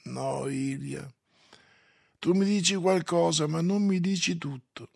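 A man voicing Stolz, an earnest man pleading insistently with his old friend, in a gravelly, husky voice. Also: a little high, takes it slowly, no echo, studio quality, heavily acted. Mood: urging.

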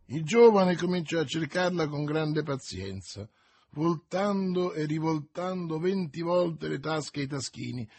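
A man narrating a novel as an audiobook, measured and expressive, with a husky voice. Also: fairly high pitch, dry recording, faint music behind.

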